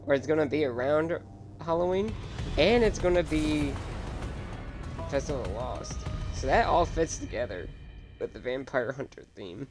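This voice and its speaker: A man's voice: on the high side, expressive, moderate pace, music in the background. A man playing a video game, reading quest text aloud and chatting offhandedly about what comes next. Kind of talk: let's play narration and casual commentary.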